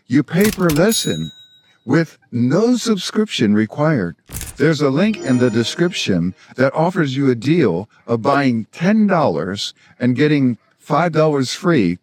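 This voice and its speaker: A polyglot language-learning video host, a man in his sixties from South Florida in the United States, delivers scripted instructional narration to camera in a measured, explanatory way. He has an American accent and a medium-pitched, slightly mellow voice.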